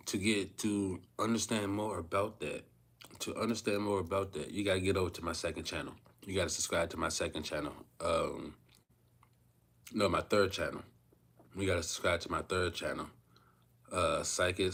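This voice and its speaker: A rambling man in his thirties chats loosely to his livestream viewers. His voice sits on the low side, and he circles back on his own phrases again and again. His pace is unhurried and laid-back. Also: steady tone, creaky, a bit bright. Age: 30s. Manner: rambling, repeats himself, keeps asking "you feel me". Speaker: vlogger. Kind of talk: casual livestream talk to viewers.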